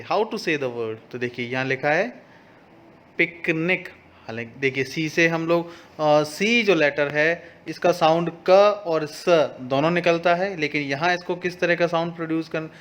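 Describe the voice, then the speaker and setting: A man's voice: on the high side, a bit bright. A man teaching a young class in a lesson video, explaining patiently and reading English lines aloud. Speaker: school teacher.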